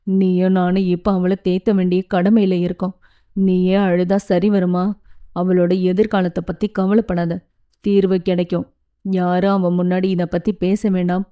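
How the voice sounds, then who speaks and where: A stern, caring father from an audiobook gives firm orders in a low, measured voice, as a woman narrator reads him. The tone stays mellow and dark. The delivery is unhurried and plain. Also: natural voice. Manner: firm, instructing.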